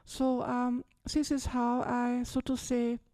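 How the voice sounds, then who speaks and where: Older Austrian-accented nun, dry sound. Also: female voice, on the high side, completely flat delivery, slow, warm tone, dry recording. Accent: Austrian German. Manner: chatty, frequent "yes?" and "yeah?" checks. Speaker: Buddhist nun. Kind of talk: retreat talk, personal story. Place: large dim hall, seated on a low stage. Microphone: handheld microphone.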